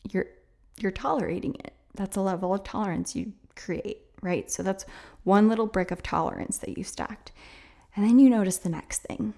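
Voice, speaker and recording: A woman with vocal fry from a sore throat, slightly losing her voice, speaking candidly and hesitantly as a solo podcast host. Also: medium pitch, moderate pace, warm tone. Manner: hesitant, confessional, conversational.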